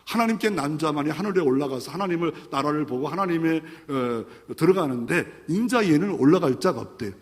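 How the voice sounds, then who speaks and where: Man, pastor, dramatic sermon storytelling, high pitch, echoing hall. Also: lively intonation, brisk, hardly any pauses.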